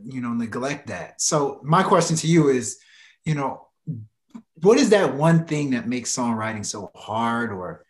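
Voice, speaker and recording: A man's voice: mid-range voice, lively intonation, a little slow. Thoughtful male podcast co-host. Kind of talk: casual podcast chat.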